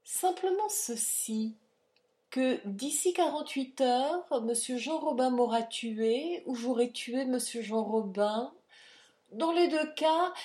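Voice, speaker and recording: A woman voicing a cold, ironic male count who threatens with smooth, polite cruelty, in an audiobook reading. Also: mid-range voice, lively intonation, takes it slowly, darkish tone.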